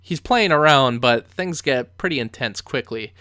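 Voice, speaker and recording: A man's voice: mid-range voice, animated, moderate pace, sharp tone, dry recording, studio quality. A man giving conversational film commentary as a reviewer, telling the story with emphatic asides.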